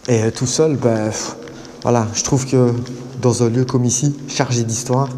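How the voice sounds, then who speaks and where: A man's voice: medium pitch, fairly even intonation, moderate pace. Belgian man rambling in echoing tunnels. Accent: Belgian French. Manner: rambling, many fillers and slang, often hushed. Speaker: urban explorer. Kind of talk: casual vlog narration. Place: deep underground concrete tunnels. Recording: long echo in underground tunnels, faint noise.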